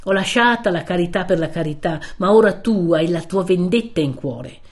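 A woman's voice: lowish voice, a little mellow, close to an everyday voice. Woman doing a stern old friar. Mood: severe. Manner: solemn, rebuking, slow and grave at times. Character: stern old male friar, severe and righteous.

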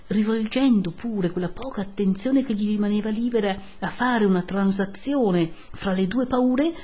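Husky-voiced woman reading a classic novel. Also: medium pitch. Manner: measured, expressive storytelling. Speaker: narrator. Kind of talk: literary audiobook reading.

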